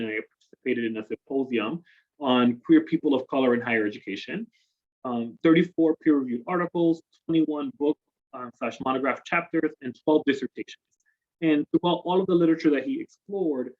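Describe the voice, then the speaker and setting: A man's voice: medium pitch, highs cut off. A young man from the Dominican Republic giving a workshop presentation over a video call, talking conversationally with many fillers and tag questions. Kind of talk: presentation with slides.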